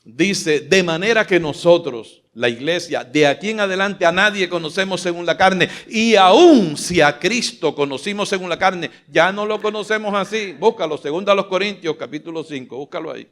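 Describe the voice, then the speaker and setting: A man's voice: high-pitched, moderate pace, few pauses, a bit bright. A man preaching a live Sunday sermon from a church stage, emphatic and rousing, calling out questions for the congregation to answer. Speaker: pastor. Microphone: filmed from a stage mic.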